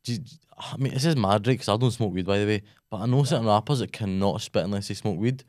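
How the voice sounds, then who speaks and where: A young Scottish man runs a casual podcast chat, talking quickly with plenty of swearing. His voice sits a little low, and it is recorded dry and close. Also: dry recording. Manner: animated, sweary, asks long rambling questions. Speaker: podcast host.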